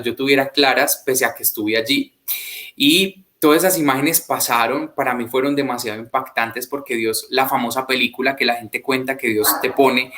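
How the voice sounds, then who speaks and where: A young Colombian man, medium-pitched and a bit bright, appears as a guest sharing his faith testimony. He speaks earnestly and reflectively, raising his voice whenever he quotes other people.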